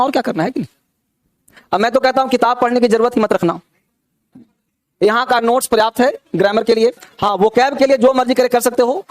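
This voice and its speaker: A man teaching an English grammar lesson to students. He drills examples slowly and keeps checking whether everyone has understood. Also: very high-pitched. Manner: repeats questions to check understanding.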